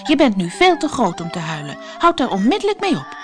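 Girl lead, tearful and bewildered, high and whimpering, put on by a woman narrator, storybook, soft music behind. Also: huge pitch swings, a little fast. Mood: distressed. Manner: high girlish voice, whimpering and exclaiming.

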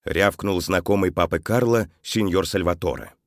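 A man narrating a children's story expressively, his voice softening at the sad moments. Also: sits low, moderate pace, no room sound, clean studio sound.

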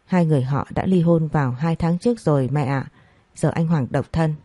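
A woman's voice: low voice, a little fast, warm tone, no echo. A woman voicing a pleading young daughter.

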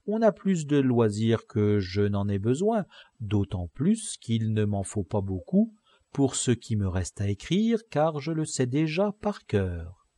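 A man's voice: medium pitch, very animated, slow pace, warm tone, no echo. A man doing a sly mocking convict. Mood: boastful. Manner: glib, sardonic, mock-polite. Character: sly boastful male convict, proud and mocking.

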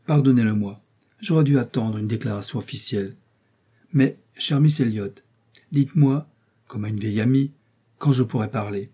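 Un homme qui prête sa voix à une femme vive et perspicace, taquine et câline, dans un livre audio. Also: male voice, medium pitch, normal speed, dark tone, slightly rough, lightly acted. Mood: teasing, coaxing. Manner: arch, coaxing, playful. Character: lively shrewd middle-aged woman, teasing invalid friend.

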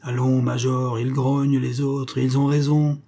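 A man bellowing as a gruff grenadier. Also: mid-range voice, little pitch movement, measured pace, close to an everyday voice. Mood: mocking, urging. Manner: loud, gruff shouting. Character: rough, bellowing grenadier soldier, brave and blunt.

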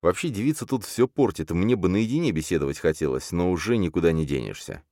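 A man narrates a first-person crime thriller in a deep, low voice. His delivery rises and falls widely, jumping up sharply for the hero's shouted lines. The recording is close and dry, with no room sound. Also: animated, quick pace, dry recording. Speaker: audiobook narrator.

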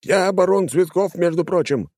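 A man's voice: sits high, lively intonation, moderate pace, darkish tone, no echo, studio quality, pitched above the performer's own voice. A man voicing an arrogant, hot-headed baron in an audiobook, blustering and indignant. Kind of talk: audiobook character voice.

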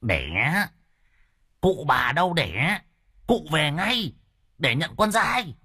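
A man's voice: very animated, extremely slow, bright, forceful tone, husky, heavily acted. A man doing a cackling teasing old villager. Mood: sly teasing. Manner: cackling, teasing, high-pitched.

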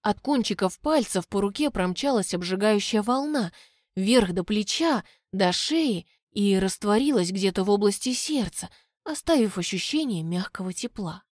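A woman narrating a first-person novel as an audiobook, expressive and dropping quiet for inner thoughts. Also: mid-range voice, moderate pace, no echo, clean studio sound.

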